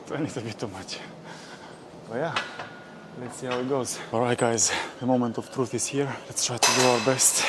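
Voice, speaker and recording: A man's voice: medium pitch, very noisy. A man vlogging his leg workout in a gym, casually explaining his sets and pushing himself on, at times out of breath. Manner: self-motivating, talks between sets. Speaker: fitness vlogger. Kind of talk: casual workout vlog talk.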